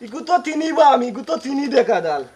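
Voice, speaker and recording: A man's voice: very high voice, very animated, fast talker, crowd noise. A man with a Sylheti accent playing a childish grown son who whines, sobs and pleads for treats in a comedic village drama. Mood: eager. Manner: wailing, pleading, sobbing demands.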